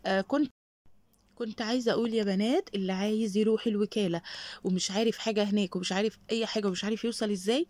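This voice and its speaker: Fast-talking Egyptian woman vlogger. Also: mid-range voice, fairly even intonation, dry recording. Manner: warm greetings and prayers for viewers. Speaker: shopping vlogger. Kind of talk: casual chat to followers.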